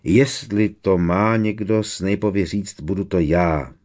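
A man reading the lines of a calm but stern adult wizard mentor, measured and firm. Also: fairly low pitch.

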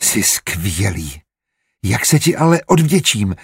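A man's voice: deep voice, slight background noise. A man voicing a sincere, earnest married woman who speaks with restraint in an audiobook. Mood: grateful. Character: sincere married woman, careful of her name. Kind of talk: audiobook character reading.

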